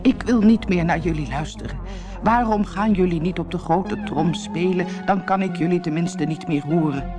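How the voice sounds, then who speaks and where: A woman's voice: moderate pace, music in the background, lightly acted. A woman voicing a sick, frightened old emperor in a fairy-tale reading, with a strained, raised voice. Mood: anguished. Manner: high, strained, anguished.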